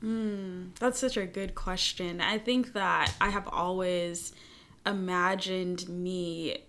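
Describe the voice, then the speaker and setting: Woman, lowish voice, animated and chatty, interview guest, fabric designer. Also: slow. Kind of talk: casual interview conversation.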